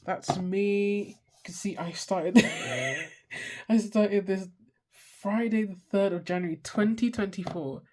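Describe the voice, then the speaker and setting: Medium-pitched and slow with a darkish tone, a stuffy-voiced art vlogger in their twenties meanders through a sketchbook tour. They swear a lot, put themselves down playfully, and lose the thread of sentences.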